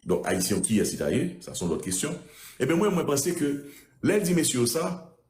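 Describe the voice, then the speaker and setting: A man's voice: mid-range voice, normal speed, roomy sound. A man retelling a court testimony in casual talk, repeating phrases as he goes. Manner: repetitive, animated retelling.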